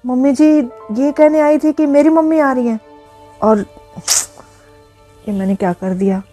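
A woman playing a sharp-tongued young daughter-in-law. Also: high-pitched, unhurried, soft background music. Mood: remorseful. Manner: blunt and snappish, then self-reproaching. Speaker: actress. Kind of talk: Hindi family drama acting.

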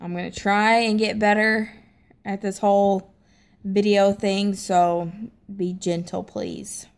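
Slow-talking young Southern American woman. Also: medium pitch, level tone, smooth. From Tennessee and Mississippi, United States. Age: young adult. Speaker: amateur vlogger. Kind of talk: casual chat to camera. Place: small living room at home, seated in an armchair.

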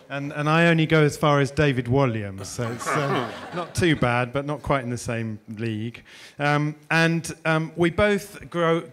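A middle-aged Englishman with a slightly high, fairly bright voice hosts a conference session, introducing and interviewing a guest on stage with a handheld mic before an audience. He talks a bit slowly, in a chatty, self-deprecating way.

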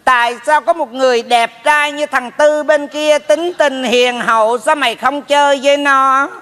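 A man's voice: very high-pitched, steady tone, normal speed, bright, forceful tone. A man playing a nagging old mother who scolds her son in a stage comedy sketch, drawling his words. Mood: scolding.

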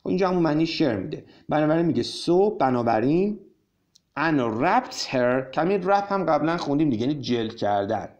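A man teaching English vocabulary, reading story sentences slowly and then explaining them quickly to his students. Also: a little high, animated, a little mellow, highs cut off. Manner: addresses students directly.

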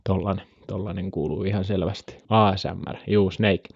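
A man's voice: low voice, level tone, muffled recording, noisy background. A young man from Finland chatting casually on a live stream, joking, rambling and trying out animal sounds.

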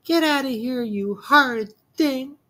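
A man voicing a cranky old grandmother in a storybook reading, with a shrill, indignant voice. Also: steady tone, unhurried. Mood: furious.

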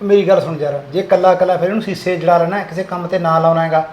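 A man's voice: high-pitched, steady tone, quick pace, a little mellow, natural voice. A man playing an impatient village farmer father with a Punjabi accent, scolding his son. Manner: scolding, nagging. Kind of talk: village drama acting.

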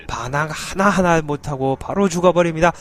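Over game music, a streamer gives lighthearted live gameplay commentary, teasing viewers and yelping repeated "no"s in panic when fights break out. His voice is fairly high and fairly bright, and he talks fairly quickly.

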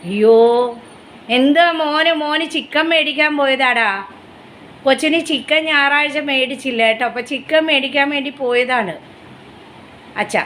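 A woman's voice: sits high, normal speed, pauses often, a bit bright, slight background noise. A woman, filming at home on a phone and talking to her pet dog in fond, sing-song baby talk. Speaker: pet vlogger. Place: home indoors.

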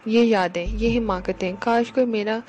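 A woman reading a novel aloud in an even, measured storytelling manner. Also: a little high, a little hiss or hum. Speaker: audiobook reader.

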